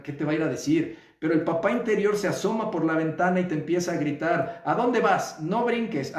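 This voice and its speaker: A man with a Mexican accent giving a reflective live talk as a psychotherapist, measured, repeating phrases and checking in with his listeners. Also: on the high side, darkish tone. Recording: roomy echo, distant mic.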